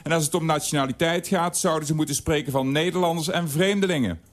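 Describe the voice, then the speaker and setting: A man's voice: fairly high pitch, quick pace. A man reading out his own scripted radio column with a wry, dryly humorous way of telling stories, in a radio studio.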